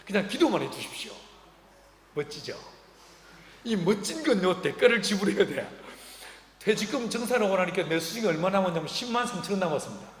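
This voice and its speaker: A man's voice: high voice, very animated, fairly quick, long pauses. A middle-aged man preaching a sermon as pastor, telling stories with humor and acting out the voices of the people in them. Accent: Korean. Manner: humorous, acts out quoted dialogue. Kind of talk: sermon with storytelling. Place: church sanctuary. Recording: echoey hall reverb.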